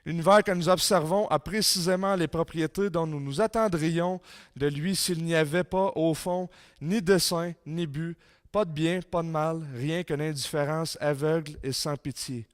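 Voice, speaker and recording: A man with a Québécois French accent giving a sermon-style talk in a church, reading quotes with rising force and dropping low for emphasis. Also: steady tone, normal speed, clear, resonant tone, no echo, studio quality. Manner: reads quotes aloud with rising intensity, drops low for emphasis. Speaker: conference speaker.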